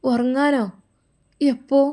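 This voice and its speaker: A woman's voice: high voice, flat delivery, slow pace, dark tone. A woman voicing a worried mother who soothes her daughter in a Malappuram Malayalam accent. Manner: soothing, concerned.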